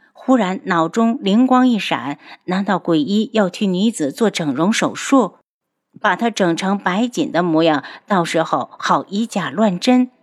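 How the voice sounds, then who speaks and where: Woman narrating a novel audiobook. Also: lowish voice. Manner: expressive, acts out characters.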